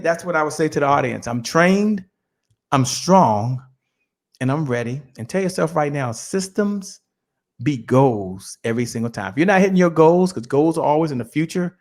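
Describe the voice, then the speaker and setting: A man giving an energetic motivational talk as a guest on a video call, leading the listeners in chanted call-and-response. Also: a little high, quick pace, gravelly. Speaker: guest speaker. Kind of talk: motivational speaking.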